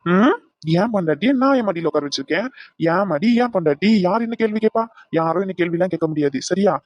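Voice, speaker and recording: A woman's voice: lowish voice, animated, fast, darkish tone, dry recording, muffled recording. A woman voicing a playful, affectionate young husband in a cartoon, teasing his pregnant wife with fond scolding. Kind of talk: cartoon voice acting.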